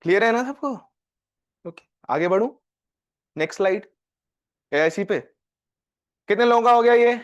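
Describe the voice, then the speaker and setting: A male physics teacher with an Indian accent, lecturing a live class and quizzing students with quick questions. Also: high voice, clean tone, dull audio. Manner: dictates questions slowly, word by word.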